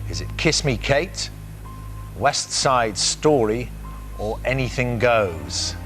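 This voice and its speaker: In a television studio with soft background music, a male game show host reads out multiple-choice questions at a brisk clip in an ordinary mid-pitch voice. He keeps the mood upbeat and lively, chatting with players and dropping in frequent "uh" fillers.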